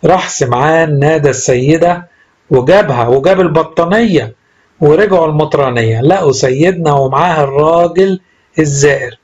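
Egyptian Arabic storyteller man, earnest reading, slightly high and husky. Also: dull audio. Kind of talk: reading a religious story aloud.

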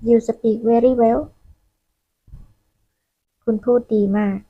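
A woman reading short phrase pairs for a language lesson, one at a time, in a slow and measured way with pauses between them. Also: on the high side, little pitch movement, highs cut off. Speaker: language teacher.

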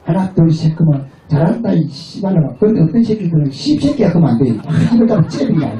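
A husky-voiced man doing crude, swearing comedy banter with the crowd, mimicking voices and laughing between jokes. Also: fairly high pitch, very animated, quick pace, dark tone. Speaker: pumba street performer. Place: outdoor beach stage. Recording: roomy PA sound from far off, crowd. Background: crowd and music.

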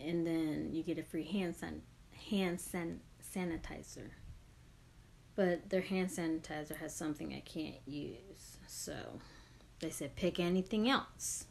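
Female vlogger, low-pitched and slow, chatty unboxing delivery. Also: gravelly, a little hiss or hum, poor audio. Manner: chatty, gushing, lots of "like" fillers. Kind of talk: casual unboxing chat.

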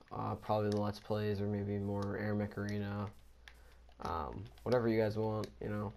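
A man's voice: gravelly, a little mellow, slight background noise. A young man giving casual Let's Play commentary as a gaming video host, talking in a hesitant, rambling way. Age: teen to young adult. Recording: low voice level under music. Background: game music.

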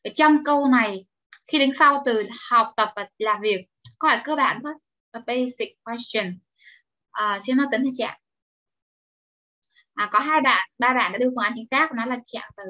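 A woman's voice: on the high side, normal speed, pushed and bright. Woman teacher, online class lecture, encouraging, muffled lo-fi sound. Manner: encouraging, explains step by step. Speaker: English teacher. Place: home or office, online class.

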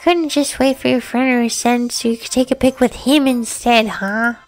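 A woman's voice: fairly high pitch, steady tone, moderate pace, faint music behind, close to an everyday voice. A woman voicing a sassy, scheming cool-kid bully girl, bossy and sardonic, in a game read-through. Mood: mocking.

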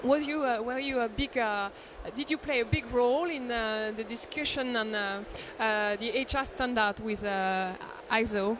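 A woman's voice: fairly high pitch, normal speed, few pauses, noisy background. A woman interviewing a guest at a conference, asking friendly questions with many halts, into a handheld mic. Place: conference booth indoors.

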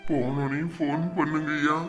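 An actor playing a gentle elderly grandfather who speaks slowly and softly. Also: on the high side, little pitch movement, highs cut off, faint music behind, natural voice. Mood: anxious. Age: older.

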